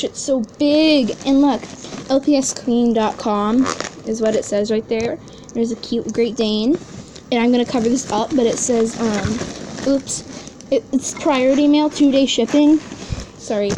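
High, gushing woman unboxing toys. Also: background noise. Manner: excitable and gushing, gasping often. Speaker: toy unboxing vlogger. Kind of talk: casual unboxing chat. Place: at home indoors.

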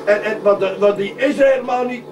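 A man voicing a panicky young male sailor and prankster who stammers and shouts frantically in a live puppet show. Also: very high-pitched, animated, slow, full character voice. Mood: indignant. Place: museum room. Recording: echoey room, distant mic, noisy.

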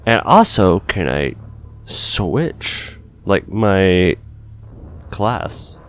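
A man's voice: low voice, sing-song, drawn-out words, clear, resonant tone. A man giving casual gameplay commentary, thinking aloud informally as he plays. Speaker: gaming video host.

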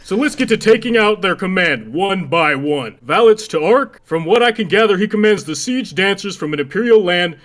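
A man putting on a radio announcer voice to read a game briefing, booming and announcer-like. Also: animated, normal speed, few pauses, a bit bright. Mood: announcing. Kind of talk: radio voice performance.

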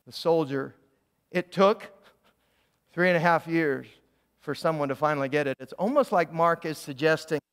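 A man's voice: fairly high pitch, smooth. A man preaching a sermon as a pastor in a church, stopping and restarting phrases and asking the congregation to repeat lines after him. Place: church sanctuary.

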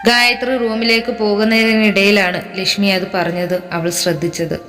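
Female storyteller reading a romance aloud, mid pitch, reverberant room, faint music bed. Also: little pitch movement, normal speed. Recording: long reverb with soft music.

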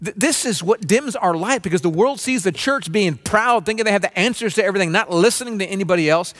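A man in his forties preaching a sermon from a stage, earnest and conversational, often restarting phrases and mimicking a low grumble. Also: quick pace, a bit bright. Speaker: pastor. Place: dim stage with spotlights, seated at small table.

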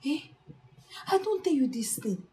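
A woman's voice: high voice, sing-song, unhurried, warm tone, rough recording. A pleading, emotional young woman. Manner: pleading, emotional, repeats herself. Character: anxious, moralizing young woman scolding a friend. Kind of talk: Nollywood film acting. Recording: film soundtrack with music underneath.

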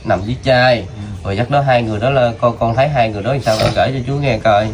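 A man gently coaxes answers out of a child, filling gaps with soft fillers. His voice sits at an ordinary middle pitch. Clear background noise surrounds him outdoors. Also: quick pace. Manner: gentle, coaxing questions with many fillers. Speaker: vlogger interviewing a child. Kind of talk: casual street interview.

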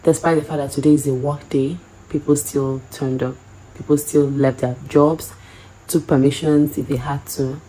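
A woman in her thirties talks at home, low and mellow, with a calm, tired ease. She gushes with quiet pride while speaking casually to the camera. A faint hiss sits under the voice. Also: low-quality recording. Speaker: graduate's wife.

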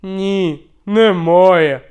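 A man voicing a hapless, tipsy hunter friend who shouts in long drawn-out cries and stammers. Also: sits high, smooth, lo-fi sound. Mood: sheepish stammering.

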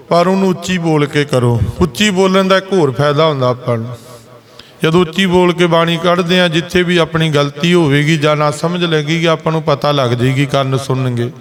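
Male preacher, slightly high pitch, measured explanatory sermon, breaks into sung verse lines. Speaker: Sikh preacher giving katha. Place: gurdwara.

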